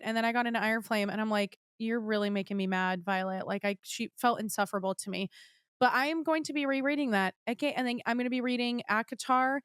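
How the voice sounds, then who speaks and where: A woman's voice: on the high side, clear, resonant tone, dry recording, studio quality. A young woman hosting her own podcast, chatting casually and gushing to her listeners about what she loves lately. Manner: bubbly, gushing, talks to listeners directly. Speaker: podcast host. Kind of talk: casual solo chat.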